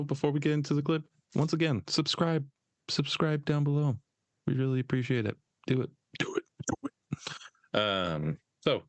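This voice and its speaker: Deep-voiced, slow-talking casual man. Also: no echo. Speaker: channel host. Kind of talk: casual chat, clip reaction.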